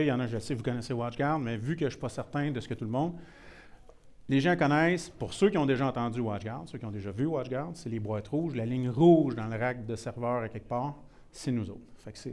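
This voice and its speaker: A man's voice: mid-range voice, a little mellow. Québécois man giving a casual tech talk. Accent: Québécois French. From Quebec. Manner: casual, self-deprecating, many restarts and English words. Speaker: presenter. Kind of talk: technical workshop talk.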